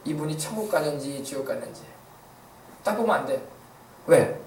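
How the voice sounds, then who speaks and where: A man pastor preaching a sermon, emphatic, swinging between hushed passages and loud exclamations. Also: fairly high pitch, lively intonation, moderate pace, a little hiss or hum. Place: church sanctuary. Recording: echoey church sound from a distance.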